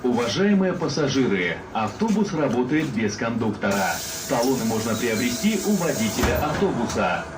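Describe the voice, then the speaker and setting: A man reading formal passenger notices, played over a bus PA loudspeaker. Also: mid-range voice, very animated, music in the background. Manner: formal, deliberate announcing. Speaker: bus service announcer. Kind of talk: prerecorded transit announcement. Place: inside a moving city bus. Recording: echoey, distant, noisy bus interior.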